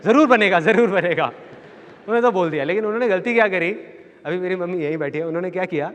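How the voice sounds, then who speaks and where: A man's voice: high voice, quick pace. A man telling a personal story to a live audience, acting out his family members' voices as he goes. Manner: animated, acts out family members in quoted voices. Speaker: motivational speaker. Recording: reverberant hall.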